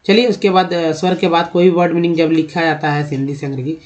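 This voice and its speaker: A man's voice: a little high, steady tone, quick pace. A man teaching a lesson, explaining step by step, often asking a question and answering it himself, and addressing viewers as friends. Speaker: English teacher. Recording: dull lo-fi sound.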